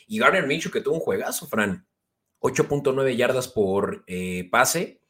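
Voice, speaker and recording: A man's voice: mid-range voice, unhurried, fairly bright tone. A man co-hosting a casual sports show, eagerly running through player stats. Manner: enthusiastic, fantasy-stat focused. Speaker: podcast co-host.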